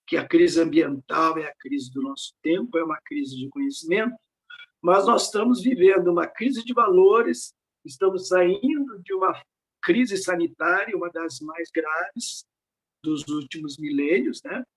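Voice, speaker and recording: A man's voice: fairly high pitch, measured pace. An older man speaking as an invited lecturer over slides on a video call, reflective and fond of rhetorical questions. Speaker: invited speaker at a research network meeting. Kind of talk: academic talk over slides.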